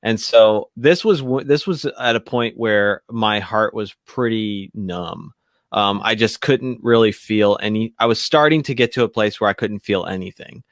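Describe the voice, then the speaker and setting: A man who is a radio show guest, telling a personal story in a halting, candid way with many restarts. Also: lowish voice, no echo, clean studio sound.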